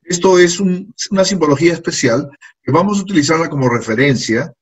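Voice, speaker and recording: A man's voice: on the high side, lively intonation, a little fast, breathy edge, rough recording. A man teaching an English class in to a group of students, patiently repeating words and phrases. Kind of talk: classroom lesson.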